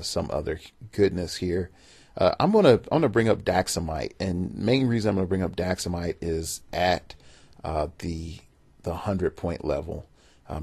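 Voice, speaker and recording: A man's voice: sits low, darkish tone, no room sound. A man hosting a podcast, giving a casual, rambling game review full of fillers. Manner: rambling, filler-heavy, enthusiastic about game stats. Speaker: podcast host. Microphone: home podcast mic.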